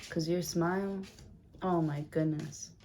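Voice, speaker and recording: A woman's voice: on the low side, steady tone, unhurried, a little mellow, a little hiss or hum. A woman giving a casual tarot reading, blunt and chatty with plenty of swearing, in a room with a window open. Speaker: tarot reader.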